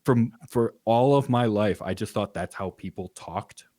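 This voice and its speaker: A man talking as a podcast guest, rambling and animated as he tells stories. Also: lowish voice, a little slow, no echo, clean studio sound. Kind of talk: casual chat.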